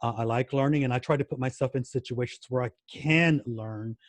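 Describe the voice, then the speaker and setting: An American guest language educator answers interview questions in a relaxed, conversational way, using lots of "uh" fillers, restarting phrases and repeating words for emphasis. His middle-pitched voice is dry, close to the mic and fairly quick, with no echo.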